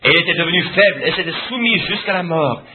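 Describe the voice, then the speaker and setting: A man's voice: a little high, expressive, fast, a little hiss or hum. A man preaching a sermon with impassioned, rising and falling emphasis. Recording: tinny phone-like old sermon recording.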